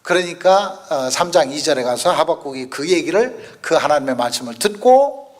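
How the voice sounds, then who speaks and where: A man's voice: fairly high pitch, expressive, moderate pace. A male missionary preacher giving a sermon in a conversational way, acting out the prayers and replies he quotes. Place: church service.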